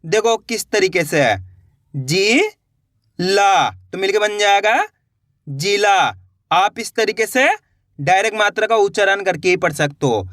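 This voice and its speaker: A man's voice: sits high, moderate pace, a bit bright, no echo, clean studio sound. A man teaching beginners to read, sounding out each syllable and then joining them into a whole word, and urging viewers to try on their own. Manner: addresses viewers as friends and coaxes them to try. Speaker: Hindi reading teacher. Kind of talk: online reading lesson.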